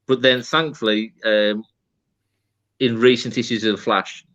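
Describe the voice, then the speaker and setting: A man's voice: mid-range voice, fairly even intonation, a little slow, a bit bright, no echo, dull audio. A man with a Birmingham accent co-hosting a podcast, talking in a rambling way with many fillers about comics. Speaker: podcast co-host. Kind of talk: casual chat.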